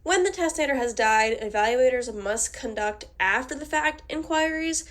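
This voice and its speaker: A woman presents prepared class material, her voice slightly nasal from a cold, with minor slips and restarts along the way. She speaks expressively at a moderate pace, in a high, fairly bright voice.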